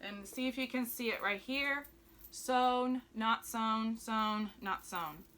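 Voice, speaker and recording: Her voice sits a little high and comes out slow, pushed and bright. A sewing instructor whose first language is Spanish, she cheerfully walks through a tutorial, describing each step as she works the machine.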